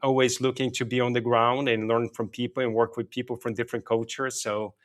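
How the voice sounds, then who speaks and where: A Brazilian-accented, middle-aged interview guest who works as a technology and payments executive speaks fairly quickly in a mid-range voice with flat delivery. Portuguese is his native language. He explains his points conversationally, frequently adding "you know" and "right."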